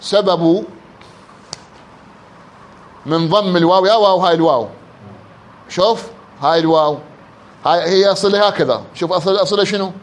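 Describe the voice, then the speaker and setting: A man with an Iraqi accent teaching an Arabic grammar class. He quizzes his students and drags words out slowly to show how they sound. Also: high voice. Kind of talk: classroom lesson.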